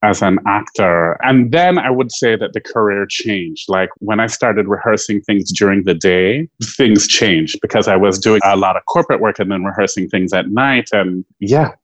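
A man's voice: lowish voice, moderate pace, few pauses, no room sound, rough recording. A man, a stage actor and guest, chatting casually and telling stories with frequent laughter. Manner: chatty, laughs often, animated storytelling. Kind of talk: casual interview chat.

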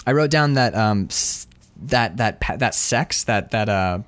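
A man co-hosting a casual film discussion podcast, talking in an animated way, swearing casually and acting out characters' lines in shifting voices. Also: lowish voice, measured pace. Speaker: podcast co-host.

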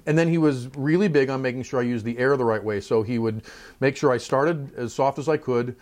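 A middle-aged trumpet player who is also a college professor walks through his career in a relaxed interview. He's thoughtful and chatty, full of asides, speaking briskly in a mid-range voice.

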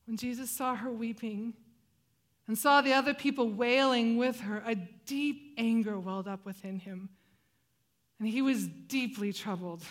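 Woman pastor, sermon delivery, slightly high voice, expressive swings from loud to hushed. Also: unhurried. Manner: expressive, dramatic rises and hushed drops.

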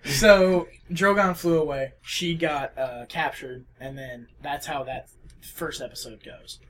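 A young man in casual chat with friends, rambling and excitable and often laughing. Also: on the high side, takes it slowly, slight background noise.

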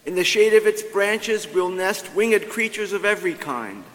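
A man reading scripture aloud at Mass in a measured, solemn way, his voice ringing with long cathedral echo. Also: high-pitched, expressive, a bit bright. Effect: long cathedral-like church reverb. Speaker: lector. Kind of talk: slow liturgical scripture reading. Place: large church. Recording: long church hall reverb.

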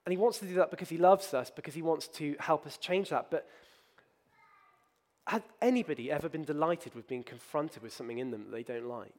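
A man's voice: on the high side, a little fast, darkish tone. A man preaching a sermon in a conversational, candid way, with frequent fillers and self-deprecating asides. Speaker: pastor.

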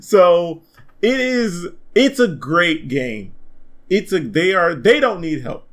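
Animated, gravelly-voiced podcast host man. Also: a little high. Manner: animated, swears freely. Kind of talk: casual gaming podcast chat.

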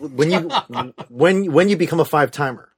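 A man's voice: a little high, moderate pace, husky, no echo. A man co-hosting a casual podcast, rambling playfully. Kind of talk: casual chat.

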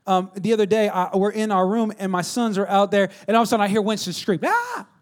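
A man's voice: high-pitched, level tone, fast. A man preaching a sermon, telling family stories in a conversational way and asking the congregation to respond. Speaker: pastor.

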